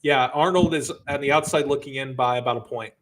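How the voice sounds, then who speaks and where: A man co-hosting a casual high school football talk show, speaking in a conversational, teasing way. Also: brisk, fairly bright tone. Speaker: podcast co-host.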